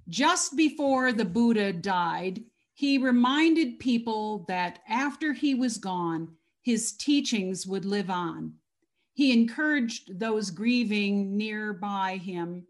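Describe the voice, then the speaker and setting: A woman giving a measured, formal scripted religious reading. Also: mid-range voice.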